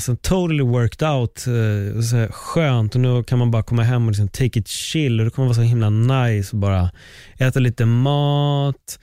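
A man's voice: mid-range voice, warm tone, smooth, no echo, studio quality, lightly acted. A man voicing a trendy young woman who gushes about her workout, dropping English words into her Swedish.

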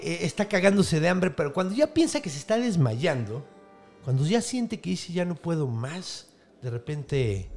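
Slangy Mexican man with a gravelly voice. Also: on the high side. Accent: Mexican Spanish. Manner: slangy, animated, quick asides. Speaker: podcast host, storyteller. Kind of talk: casual retelling of a folk tale.

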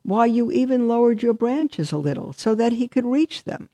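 A woman voicing a vain, haughty fir tree in a high, smug, mocking voice while reading a Christmas story aloud. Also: lively intonation, normal speed, mellow, no room sound. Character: haughty smug fir tree, female-sounding, sharp-tongued.

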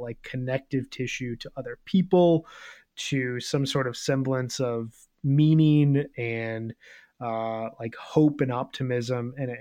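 A man in his thirties co-hosts a podcast, rambling reflectively through casual chat with plenty of filler words. His voice is mid-range, and the recording has no room sound.

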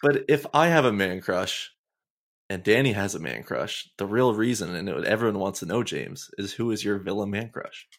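A man's voice: fairly low pitch, lively intonation, normal speed. A man co-hosting a football podcast, chatting enthusiastically and laughing easily. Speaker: podcast co-host. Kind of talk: casual football chat.

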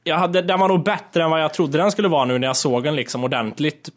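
A man's voice: fairly high pitch, steady tone. A young man chatting casually about a film, hesitant and full of fillers. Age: young adult. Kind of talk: casual chat.

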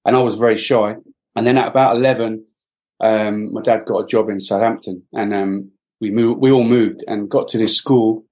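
A middle-aged Welshman, a guest on a podcast, reflects aloud in interview fashion, full of fillers and restarts. His voice is lowish and darkish in tone, with fairly even intonation at a normal speed.

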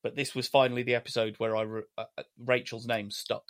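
A relaxed man talking casually on a podcast, recapping scenes and sharing his notes. His voice sits in an ordinary middle pitch, easygoing, with the odd swear word dropped in. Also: fast talker. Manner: relaxed, conversational, occasional swearing. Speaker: podcast co-host. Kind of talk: casual TV review chat.

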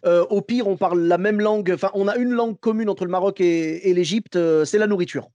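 A man hosts a podcast in a loose, friendly way, filling pauses with hesitations. His voice sits a little high yet sounds mellow, recorded dry and close. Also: no echo, muffled recording. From Morocco. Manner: friendly, chatty, many fillers. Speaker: podcast host. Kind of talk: casual podcast chat.

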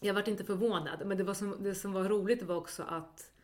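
Animated Swedish-speaking woman telling a story. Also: mid-range voice. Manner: animated storyteller, quoting others. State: pregnant. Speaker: podcast co-host. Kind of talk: casual storytelling chat.

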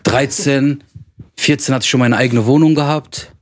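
A man co-hosting a podcast chats casually and tells a personal story in colloquial street slang, calling his listeners "brother." His voice is medium-pitched with fairly even intonation and a moderate pace, and there's a slight hiss or hum.

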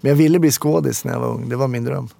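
A man, a former police officer reflecting candidly on his life in an interview, with frequent pauses and hesitations. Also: medium pitch, steady tone, gravelly, mellow, no room sound. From Stockholm, Sweden.

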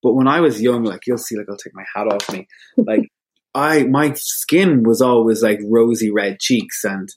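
A man's voice: mid-range voice, moderate pace, slightly rough. A man in his thirties with an Irish accent, a radio presenter chatting casually as an interview guest, rambling and self-deprecating. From Ireland.

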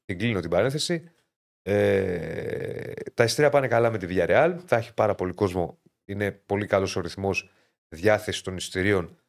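Male sports podcast host from Greece, lowish voice, chatty, loves a side story. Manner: chatty, jokey, loose asides. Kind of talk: casual sports talk.

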